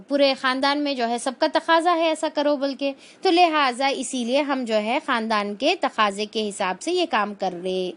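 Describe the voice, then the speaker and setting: A woman leads a religious lesson in a voice that sits a little high. She explains each point patiently, circling back with filler phrases and simple everyday examples. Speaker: Quran teacher.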